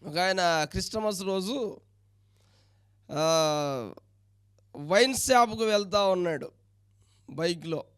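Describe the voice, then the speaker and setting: A man preaches, his voice pitched high and ringing clear. He presses the congregation with quick questions and reads scripture between them. The sound is close and dry, with little room echo. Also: expressive. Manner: preaching with rapid rhetorical questions, reading scripture aloud. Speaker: pastor. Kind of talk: sermon.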